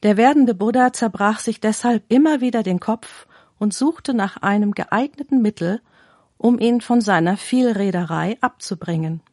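A woman presenting a radio talk and reading a parable in a calm, clear, formal manner. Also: a little high, no echo, studio quality. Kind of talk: scripted storytelling reading.

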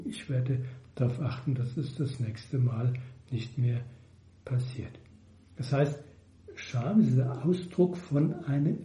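A man giving a measured, explanatory Buddhist dharma talk. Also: medium pitch, dark tone, roomy sound. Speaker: Buddhist teacher.

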